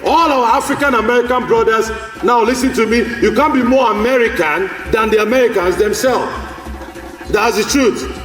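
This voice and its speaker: A man's voice: very high-pitched, normal speed, a bit bright, soft background music. A man giving a rousing speech to a live audience at a forum, repeating lines and calling out to the crowd. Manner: exhorting, repetitive, calls out to the crowd. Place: large hall at a live forum. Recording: echoey hall, voice from a distance.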